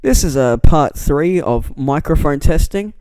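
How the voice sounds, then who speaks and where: A man's voice: on the high side, animated, a little slow, a little mellow, smooth, dry recording. A man talking in a rambling, self-deprecating vlog monologue, often stammering and restarting words, recorded on a close microphone that pops on plosives. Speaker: vlogger. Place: indoor room. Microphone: close mic with plosive pops.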